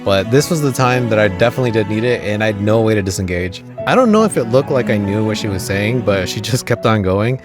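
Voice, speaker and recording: A man's voice: lowish voice, lively intonation, fast talker, few pauses, over music. A young man telling comedic travel stories outdoors, self-deprecating with wry asides. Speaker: travel vlogger.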